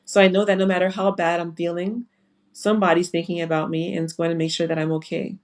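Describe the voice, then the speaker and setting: Earnest low-voiced woman. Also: level tone, quick pace, a little mellow. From Liberia. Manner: earnest and reflective, with frequent fillers. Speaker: foundation founder and panel guest. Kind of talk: casual panel talk on a live webinar.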